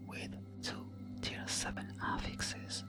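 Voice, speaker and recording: A narrator giving a scripted game guide in a breathy, intimate ASMR whisper, close to the mic, measured and explanatory. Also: over loud music. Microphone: close microphone, ear to ear.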